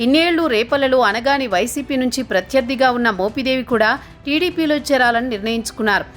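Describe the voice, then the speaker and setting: A woman reading a scripted news voice-over in a measured, formal way. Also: high voice, expressive, soft background music. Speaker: news narrator.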